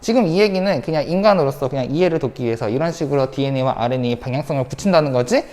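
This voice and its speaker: A woman's voice: extremely low pitch, very fast, dark tone, long reverb tail. A woman teacher giving an online science lecture, repeating key points and asking the class rhetorical questions. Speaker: high school science teacher.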